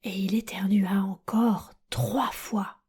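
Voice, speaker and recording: A woman narrating a children's storybook audiobook in a soft, hushed, breathy manner. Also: mid-range voice, steady tone, slow pace.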